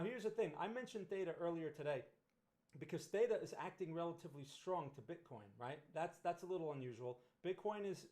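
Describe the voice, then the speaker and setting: A middle-aged Northern New Jersey man with a Jersey accent hosts a casual trading livestream, analyzing markets conversationally with restarts and frequent "right?" check-ins. His voice is fairly high with a darkish tone.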